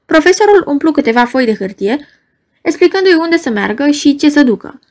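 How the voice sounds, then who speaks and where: Woman narrating an audiobook, fairly high voice. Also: very animated, darkish tone. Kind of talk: scripted narration.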